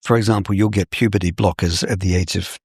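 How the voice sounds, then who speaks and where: An older man from New Zealand answers as a scholar in an interview, measured and professorial. His low voice is gravelly and husky. The sound is dry and close. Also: fairly even intonation, darkish tone, no room sound. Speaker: scholar guest.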